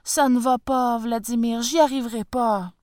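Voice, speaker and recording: A woman's voice: a little high, fairly even intonation, normal speed, darkish tone, dry recording, clean studio sound, lightly acted. A woman voicing a humble, anxious old clockmaker and father, who speaks in a worried, hesitant way.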